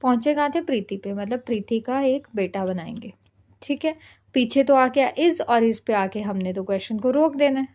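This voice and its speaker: A woman's voice: on the high side, normal speed, a little mellow. A woman teaching an exam-prep reasoning lesson, explaining step by step and often checking in with "okay". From India. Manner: patient, repeats "ठीक है" to check understanding.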